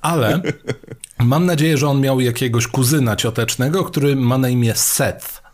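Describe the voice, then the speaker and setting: A man's voice: medium pitch, normal speed. A man co-hosting a casual film podcast, talking in a playful, joking and meandering way with frequent fillers. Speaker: podcast co-host.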